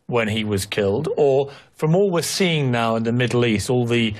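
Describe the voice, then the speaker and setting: A man's voice: medium pitch, normal speed. A man interviewing a guest on TV, pressing him with pointed, challenging questions. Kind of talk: confrontational TV interview.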